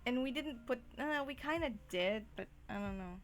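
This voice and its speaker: A woman artist chatting casually on a stream while she draws, thinking aloud in a relaxed way. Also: fairly high pitch, moderate pace, a little hiss or hum. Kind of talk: casual chat while drawing.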